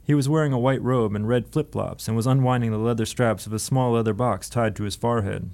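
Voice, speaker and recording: A man's voice: medium pitch, steady tone, fast talker, creaky, a little mellow. Man reading his novel aloud. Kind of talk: audiobook narration.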